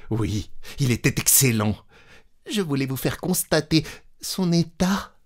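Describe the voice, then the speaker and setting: A flustered, timid woman, put on by a male reader, pushes her words out in a small, raised voice. She stammers and hesitates, slow and uneven. It is a figure in a read-aloud story. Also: mid-range voice, animated, voice pushed up. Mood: hesitant.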